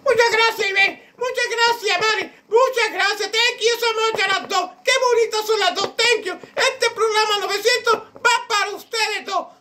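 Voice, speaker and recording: A man voicing a shrill, overexcited sidekick who shouts greetings and thanks to his boss. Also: fairly even intonation, normal speed, slight background noise, full character voice. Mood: gleeful.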